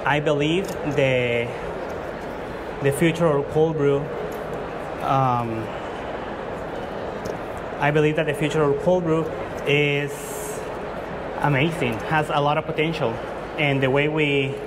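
A man's voice: on the high side, steady tone, takes it slowly, pauses often. A man in his thirties from Guatemala, speaking English, earnestly presenting his drink to judges with frequent fillers and restarts. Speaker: competing barista. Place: large indoor exhibition hall. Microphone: far camera. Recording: loud hall noise from far off.

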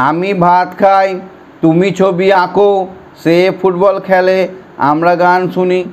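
A primary school teacher speaking slowly and patiently, drilling words and sentences for young children in an online lesson. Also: male voice, high-pitched. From West Bengal, India.

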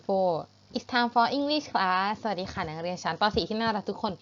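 A woman with a Thai accent teaching English to young pupils, patient and repeating each word slowly for pronunciation. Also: mid-range voice, animated, dull audio, slight background noise. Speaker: primary school English teacher. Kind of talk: online English lesson for children.

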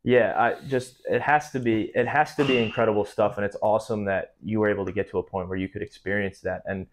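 Young male podcast host, lowish voice, thoughtful long-winded questions, small studio. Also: steady tone, quick pace, slight background noise. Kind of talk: casual interview. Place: small indoor studio room.

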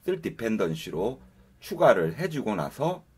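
A man's voice: on the low side, very animated, a little slow, slightly rough. A man giving a casual, step-by-step coding tutorial over a screen recording, talking viewers through each step. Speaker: programming instructor.

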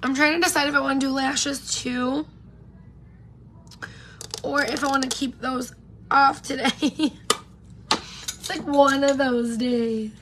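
A beauty vlogger in her thirties does her makeup on a casual get-ready-with-me live stream, rambling and greeting viewers by name while losing her voice. Her high voice is worn, fairly even in intonation and slow, with frequent pauses. She's filmed at close range by a camera in front of her in a pink-neon-lit room at home, with background noise.

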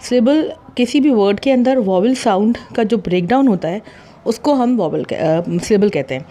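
Woman teacher, mellow voice. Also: medium pitch, expressive. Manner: slow, drawn-out pronunciation of example words. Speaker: English teacher. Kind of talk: explaining a lesson in Hindi and English.

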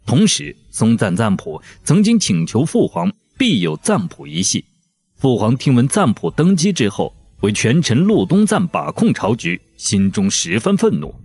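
A man voicing a composed young prince who speaks as envoy in forceful, measured, formal sentences. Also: medium pitch, slightly rough, full character voice.

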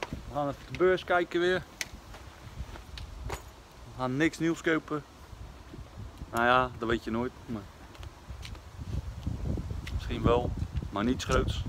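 A man in his forties vlogging casually as he walks around outdoors, chatting relaxed into a phone held at arm's length. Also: mid-range voice, slow pace, long pauses. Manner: chatty, relaxed running commentary. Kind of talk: casual walk-and-talk vlog. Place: outdoors at a campervan fair. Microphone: phone camera at arm's length. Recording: noisy outdoor phone recording. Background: outdoor ambience and vehicles.

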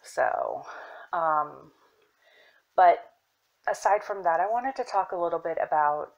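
A young woman casually showing her herb collection, soft-spoken and unhurried, with fillers and self-corrections that sometimes drop into a whisper. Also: fairly low pitch, expressive, rough recording. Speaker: apothecary shop owner. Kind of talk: casual show-and-tell.

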